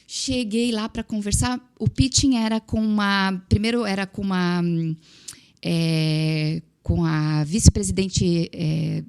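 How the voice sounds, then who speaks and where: A woman with a Brazilian Portuguese accent, speaking as a guest on a casual podcast. Her voice sits at a mid pitch, and she tells her story in a lively, chatty way. She often adds small tag questions and filler words as she goes. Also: takes it slowly, smooth.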